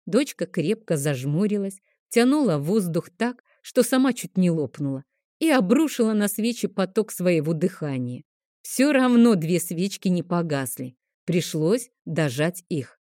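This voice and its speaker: A woman with a low, warm voice reads a first-person story aloud, gentle and expressive. The sound is close and dry, with no room around it. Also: measured pace, no echo. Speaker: audiobook narrator. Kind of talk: first-person audiobook narration.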